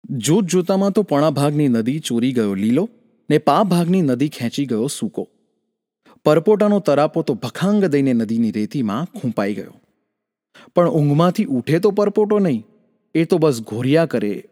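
A man's voice: mid-range voice, mellow, in a large hall. A man telling a folk tale in a rhythmic, sing-song way, with lots of repetition. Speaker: storyteller.

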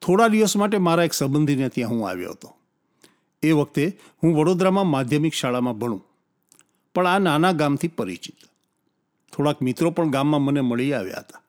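Male storyteller, calm and descriptive, slightly high pitch. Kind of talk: scripted story narration.

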